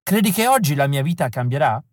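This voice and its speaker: A man's voice: a little high, sing-song, fast talker, no room sound. A man voicing a pale, desperate young man begging for a job, pleading and frantic, in an audiobook reading. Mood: hopeful. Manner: pleading, breathless and increasingly frantic. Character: pale desperate young male would-be extra.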